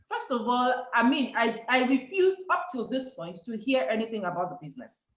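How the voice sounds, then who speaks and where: Animated Nigerian woman telling a story. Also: on the high side, normal speed. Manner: animated, acts out quoted dialogue. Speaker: guest speaker. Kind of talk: storytelling talk. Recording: echoey, dull online call audio.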